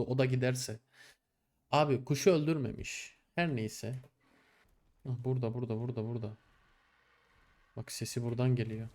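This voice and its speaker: Exasperated young man narrating his game. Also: medium pitch. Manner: exasperated, talks to the game and his animals, swings from mutters to loud outbursts. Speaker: gameplay streamer. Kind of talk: casual gameplay commentary.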